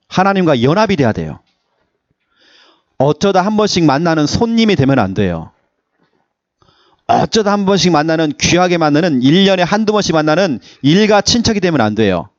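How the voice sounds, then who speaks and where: A man's voice: a little high, moderate pace, no room sound, lo-fi sound. A man preaching a Sunday sermon as pastor, in a playful, joking manner. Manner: animated, playful preaching with jokes. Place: church service.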